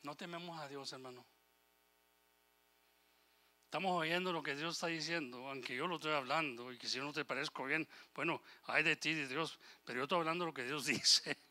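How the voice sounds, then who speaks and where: A man preaching a sermon with passion, swinging between loud exhortation and quiet asides, quoting scripture and voicing God's words. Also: a little high, fairly even intonation, a little fast. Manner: impassioned, rising and falling in volume, quotes scripture and God's voice; switches briefly into English phrases. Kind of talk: Spanish-language sermon.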